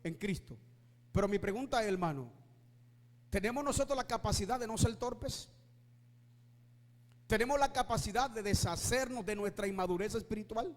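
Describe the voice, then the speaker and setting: A male pastor preaching with fervor, shouting at his peaks and asking his listeners rhetorical questions. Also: high-pitched, lively intonation, normal speed, pauses often, in a large hall. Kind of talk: preaching sermon.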